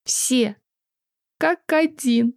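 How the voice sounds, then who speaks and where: Woman reader as an excitable, touchy young woman, high-pitched, dry sound. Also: creaky, no echo, exaggerated voice. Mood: outraged. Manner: excitable, emotional, quick to take offence. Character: tipsy indignant young woman, dramatic and touchy.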